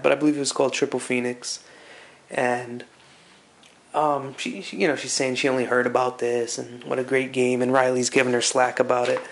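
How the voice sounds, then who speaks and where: A man's voice: medium pitch, creaky. A man giving casual, loosely conversational commentary as he recaps a story, rambling and hesitant as he goes. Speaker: comic reviewer.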